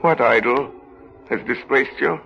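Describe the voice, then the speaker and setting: A man playing Ebenezer Scrooge, an anguished, excitable miserly old man who repeats his words, in 1930s radio drama style. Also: medium pitch, unhurried, vocal fry, a little hiss or hum. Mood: defensive pleading. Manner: agitated, repeats words emphatically. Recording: muffled vintage radio recording, music behind.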